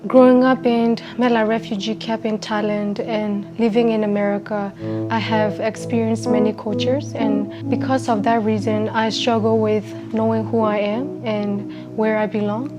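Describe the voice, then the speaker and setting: A woman's voice: a little high, level tone. Earnest young woman narrating over music. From Burma. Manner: earnest, measured and personal. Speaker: documentary narrator. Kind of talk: reflective documentary narration.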